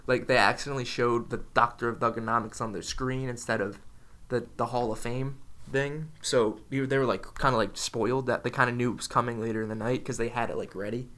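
A young man with a bright, ringing voice chats casually as a podcast co-host. He rambles enthusiastically from point to point, his pitch sitting right in the middle of the male range. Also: steady tone, brisk. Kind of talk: casual chat.

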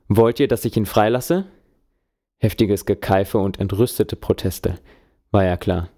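A man narrating a dramatized first-person story in a wry, colloquial way, raising his voice for shouted lines. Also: on the low side, no echo, studio quality.

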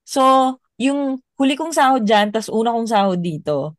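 A woman's voice: a little high, animated, normal speed, a little mellow, no echo, clean studio sound. A Filipino woman, a podcast guest, chatting casually and thinking aloud as she recalls details. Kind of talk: casual chat.

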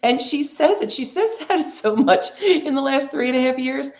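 A middle-aged woman hosting an inspirational talk, speaking in slow, drawn-out, reflective phrases and inviting the listener to breathe. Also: sits high, animated, echoey room. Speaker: podcast host and spiritual coach.

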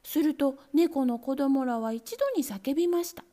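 A woman narrating a children's storybook in a gentle, expressive way. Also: high voice, measured pace.

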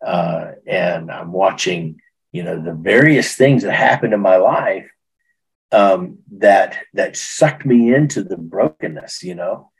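A man's voice: deep voice, lively intonation, slow, creaky, breathy edge, low-quality recording. A middle-aged man recounting a personal testimony in an interview, earnest and emotional, often restarting his sentences. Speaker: guest.

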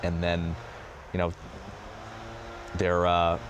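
A man in his twenties answering interview questions casually, halting often with fillers. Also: low-pitched, completely flat delivery, a little hiss or hum. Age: 20s.

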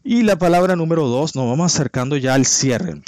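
A man hosting a word-of-the-week segment in a playful, casual tone, quizzing the listener and spelling words out slowly. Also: a little high, expressive, darkish tone, no echo, clean studio sound. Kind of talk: lively casual commentary.

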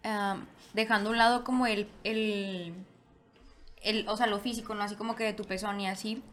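A woman's voice: medium pitch, fairly even intonation, moderate pace, a bit bright. A woman with a Mexican accent in casual chat, rambling in slangy speech with many fillers.

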